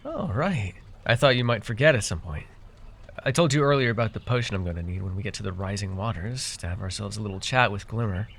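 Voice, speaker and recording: A man plays a fae forest guide in an immersive fantasy roleplay ASMR piece: easily flustered, teasing but caring, and mildly exasperated in his banter. His lowish voice is creaky and a bit bright, heavily acted, animated, and quick.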